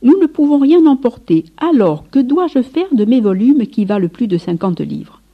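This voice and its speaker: A friar minister speaks in a loud, brassy, higher-pitched voice, as a woman reading the story puts him on. The recording is a little muffled. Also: sing-song, normal speed, breathy edge, exaggerated voice. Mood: protesting. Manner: brassy, raised voice. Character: loud-voiced male friar minister, anxious about his books.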